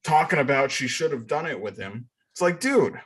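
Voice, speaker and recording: A man's voice: medium pitch, animated, normal speed, a bit bright, husky. A man co-hosting a casual podcast chat, sarcastic and profane, mocking what he discusses. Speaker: podcast co-host.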